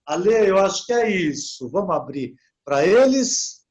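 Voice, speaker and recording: A man teaches English to Portuguese speakers in a relaxed online session, frequently tacking on "né?" and slowing down to model English words. His voice is high-pitched and the audio quality is poor.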